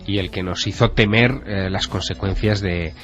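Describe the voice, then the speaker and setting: A man with a deep voice explains emphatically as a radio panelist. The broadcast is dull, with faint music beneath it. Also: fairly even intonation, moderate pace, a bit bright. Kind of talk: radio talk show.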